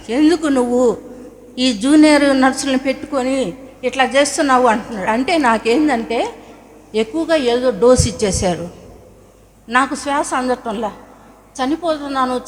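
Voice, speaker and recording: A woman's voice: on the high side, slight background noise. A woman preacher giving a Good Friday sermon at a church service, telling personal stories in an earnest way. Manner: earnest storytelling with personal testimony. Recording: church hall with long reverb.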